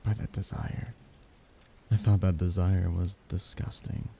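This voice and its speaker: Speaking in a low voice with a level tone, a man acts as a doting, possessive young mafia heir for intimate ASMR romance roleplay. He's soft and halting, chuckling breathily, with an earnest, possessive feel, and a little hiss or hum can be heard.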